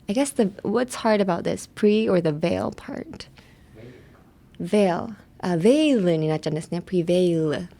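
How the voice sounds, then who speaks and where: Playful bilingual woman teaching English. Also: fairly low pitch. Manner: playful, chatty, switches between English and Japanese. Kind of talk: bilingual language lesson.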